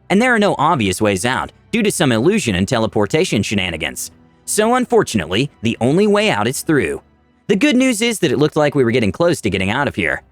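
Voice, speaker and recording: A man with a medium-pitched voice dramatically narrates a scripted first-person fantasy adventure story. His voice is dry with no echo, and background music runs underneath.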